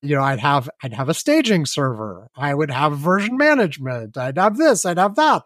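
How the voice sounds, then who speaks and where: A man's voice: on the high side, very animated, normal speed, fairly bright tone, no room sound, studio quality. A man co-hosting a casual podcast chat, rambling in a wry, self-mocking way and swearing offhandedly. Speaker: podcast co-host.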